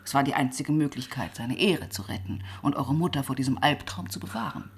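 In a radio crime drama, an actress plays a weary, relentless police detective who also narrates, intense and often dropping to a whisper. Her female voice is very deep and husky, fairly quick, and fully in character, with a pressing, accusing mood.

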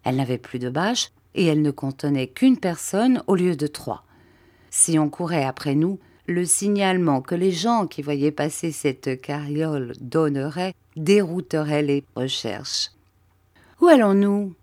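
A woman reading a novel aloud in a measured, steady audiobook narration. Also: low-pitched, dry recording, clean studio sound. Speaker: audiobook reader.

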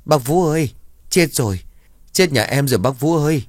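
A man's voice: on the low side, animated, normal speed, no room sound, studio quality, natural voice. A man voicing a distraught young village mother who pleads with choked, broken phrases in a storytelling narration. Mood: crying, pleading.

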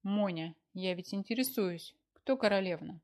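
A woman voicing a stern, bossy older wife who scolds with a sharp tongue in a read-aloud story. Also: mid-range voice, normal speed, lightly acted. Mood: scolding.

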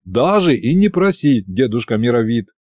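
A man's voice: very animated, normal speed, a little mellow, no room sound, natural voice. A man voicing an exasperated young male hero who pleads and protests. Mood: stubborn. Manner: high-pitched and agitated, pleading.

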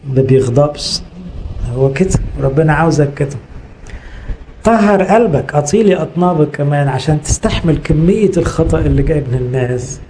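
A man's voice: fairly high pitch, vocal fry, dark tone, a little hiss or hum, rough recording. A middle-aged man with an Egyptian accent, a priest preaching a sermon, exhorting the listeners with repetition and rhetorical questions.

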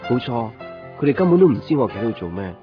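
In a muffled 1990s radio drama with music, an actor with a Hong Kong Cantonese accent plays a stubborn, lovelorn young man waiting and guarding his coins, narrating in the first person with melancholy. His medium-pitched voice is sing-song and fast, close to an everyday voice.

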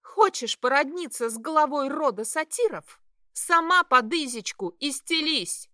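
A woman reading an audiobook, voicing a defiant young art student who shouts back at her parents. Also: expressive, measured pace, no room sound, studio quality, exaggerated voice. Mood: furious. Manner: high, shouting, tearful defiance.

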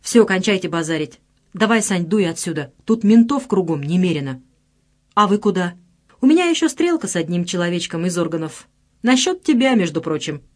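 A hot-tempered young gangster, as a woman reader puts him on, angry and scolding, full of coarse slang. The voice swings up and down in lively pitch. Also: fairly quick. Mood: bossy.

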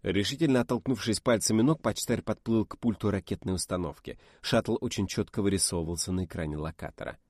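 A man narrating a science-fiction audiobook in a dramatic, measured way. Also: on the low side, a little mellow, husky, no echo, clean studio sound.

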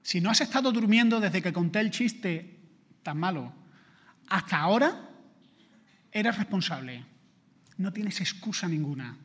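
A man from Spain preaching an emphatic sermon, building to forceful urgency. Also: high-pitched, expressive, a little slow, pauses often, breathy edge. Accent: Spain Spanish. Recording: long hall reverb.

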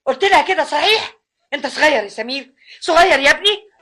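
A woman's voice: sits high, expressive, quick pace, bright, forceful tone. An actress playing a worried, pleading mother with an Egyptian accent, in radio drama acting. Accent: Egyptian Arabic. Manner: pleading, anxious. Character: worried mother Umm Samir, anxious and pleading.

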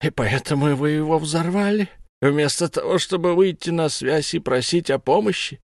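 A man's voice: a little high, moderate pace, no room sound, studio quality, voice pushed up, lightly acted. A man voicing a smug, menacing humanoid alien interrogator who lisps, in an audiobook. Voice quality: lisping. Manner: mocking, condescending questioning. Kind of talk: audiobook character voice.

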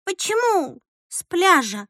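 A woman voicing an excitable, indignant teenage girl who talks in a rushed, whiny way. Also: high-pitched, no room sound, clean studio sound, voice pushed up. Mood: agitated.

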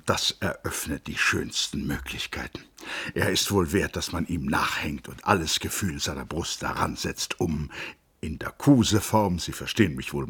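A man voicing a grand, commanding old man who speaks in solemn, emphatic, halting phrases that break off midway, in a literary audiobook reading. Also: sits low, fairly bright tone, slightly rough, heavily acted.

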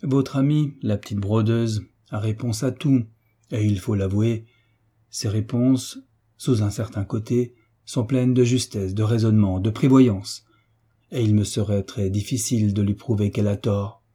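A man reading the part of an older hunchbacked marquis who speaks in a measured, sorrowful way in a storybook reading. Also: lowish voice, warm tone, breathy edge. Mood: grave. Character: kindly older hunchbacked marquis, grave and protective.

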